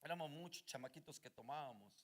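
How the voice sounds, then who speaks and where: A male pastor preaching a fervent sermon, moving between calm storytelling and loud shouted calls to his congregation. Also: fairly high pitch, fast.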